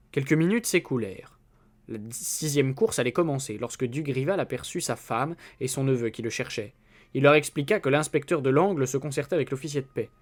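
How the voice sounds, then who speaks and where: A man reading a classic novel aloud in a measured way, with small slips and restarts. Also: mid-range voice. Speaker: storyteller.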